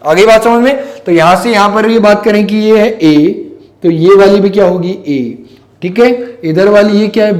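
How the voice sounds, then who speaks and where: A man with a fairly high voice teaching physics in a lecture style, often stopping to ask if the class has understood. He mixes English math terms into his sentences, and the sound carries the echo of a bare room. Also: a little mellow. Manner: keeps checking if students follow. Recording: echoey room.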